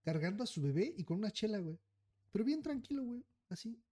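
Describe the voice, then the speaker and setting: A man's voice: high-pitched, fast talker. A man with a Mexican accent telling a story in casual podcast chat, swearing freely and tacking "güey" onto nearly every phrase. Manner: animated, acts out the people in his story. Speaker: podcast co-host.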